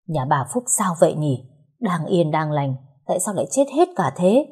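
A woman's voice: low-pitched, very animated, normal speed, darkish tone, breathy edge, exaggerated voice. A woman voicing gossiping village neighbor women trading curious murmurs.

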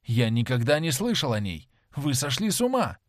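A cold young aristocrat, read by a male narrator, speaks in a cool, lofty, reproachful tone. His pitch moves animatedly. The audiobook sound is dry and close. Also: big pitch swings, normal speed, dry recording, lightly acted. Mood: frantic. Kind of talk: audiobook character reading.

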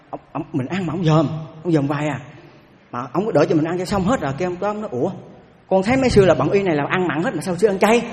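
Fast-talking monk in a hall. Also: male voice, fairly high pitch. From south-central Vietnam. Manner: animated storytelling, repeats words, asks listeners questions. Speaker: Buddhist monk. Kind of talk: dharma talk with personal anecdotes.

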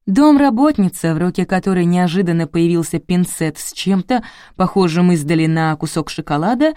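A woman narrating a first-person audiobook in a lively, ironic storytelling manner. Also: lowish voice, no echo, studio quality.

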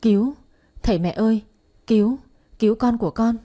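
A woman's voice: mid-range voice, animated, brisk, warm tone, lightly acted. A woman voicing a young pregnant woman who sobs and screams accusations after losing her baby. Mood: wailing.

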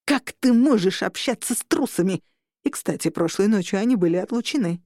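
A woman voicing a furious male vampire lord-marshal who growls and shouts his lines. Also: mid-range voice, animated, fairly quick, dry recording, studio quality, close to an everyday voice.

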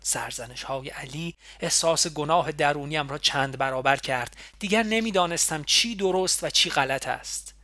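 A man reading a novel aloud in first person, expressive and emotional. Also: fairly high pitch, dry recording. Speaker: audiobook reader.

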